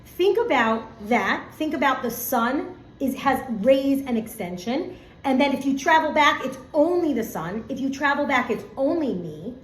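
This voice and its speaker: A middle-aged woman teaching a casual Torah lesson, animated and full of "like", acting out everyday scenes. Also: sits high, moderate pace. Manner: animated, acts out everyday scenes, many fillers of "like". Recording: echoey room, faint background hum.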